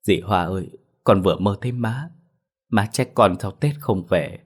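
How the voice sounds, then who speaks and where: A man's voice: lowish voice, moderate pace, breathy edge. A man voicing a grieving grown daughter who begs her mother for forgiveness in a pleading, tearful voice.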